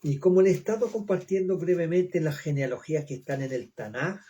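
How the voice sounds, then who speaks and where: A man giving a verse-by-verse Bible study, reading Hebrew names slowly and explaining them in Spanish, repeating words and checking in with his listeners. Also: a little high, dark tone, dull audio, a little hiss or hum. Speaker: Bible teacher.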